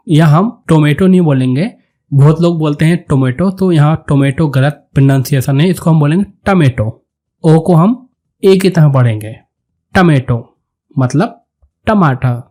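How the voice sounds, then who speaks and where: A man teaching a vocabulary lesson, saying each word and then repeating it slowly and deliberately. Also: on the high side, expressive, warm tone, faint music behind. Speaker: English teacher.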